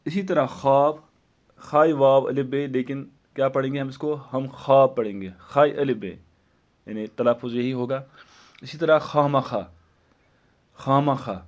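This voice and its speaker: Man, grammar teacher, slow and deliberate, repeats example words, mid pitch. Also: darkish tone. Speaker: Urdu teacher. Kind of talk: classroom grammar lesson.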